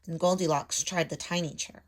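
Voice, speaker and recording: A woman in her thirties reads a storybook aloud to children at home, teaching and explaining each step as she goes. Her voice sits low, her tone is steady, and she speaks at normal speed. They're in a small room at home.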